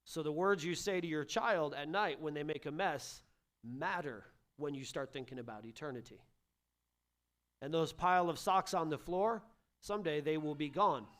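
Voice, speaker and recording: A man in his thirties delivers a sermon as a pastor, his voice sitting high for a man. He swings from loud, urgent bursts down to soft, hushed lines. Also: normal speed.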